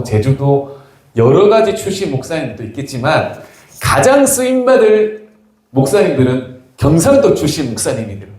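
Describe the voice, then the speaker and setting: A man's voice: medium pitch, darkish tone. A male pastor preaching a sermon in a church sanctuary, telling humorous stories and teasing the congregation. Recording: echoey church hall.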